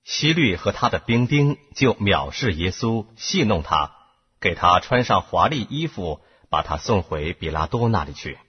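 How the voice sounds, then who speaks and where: A man reads scripture aloud in a very husky, breathy voice that sits fairly low. His delivery swings widely in pitch, rising sharply where the crowd shouts. The recording sounds dull and lo-fi. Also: very animated, measured pace. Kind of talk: scripture reading.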